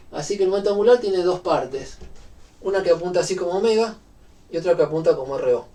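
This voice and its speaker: A man's voice: sits high, dark tone, distant mic. A man with a Rioplatense Spanish accent giving a university physics lecture, explaining step by step with frequent fillers.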